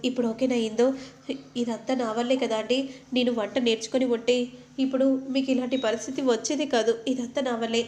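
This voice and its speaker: A timid young wife, worried and apologetic, as a woman reads her part. The voice is a little high and carries a roomy echo. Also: flat delivery, a little fast, darkish tone, a little hiss or hum, close to an everyday voice. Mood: anxious. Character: timid young wife, anxious and self-blaming.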